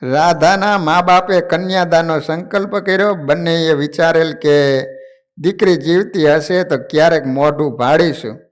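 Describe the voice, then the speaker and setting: A man's voice: a little high, a little slow. A man narrating a devotional story, animating the characters as he tells it. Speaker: religious storyteller.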